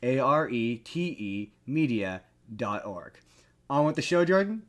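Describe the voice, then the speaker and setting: Speaking a little slowly with big pitch swings in a mid-range voice, this man hosts a podcast of casual comedic talk about pop culture. He's animated and repeats phrases to land the jokes.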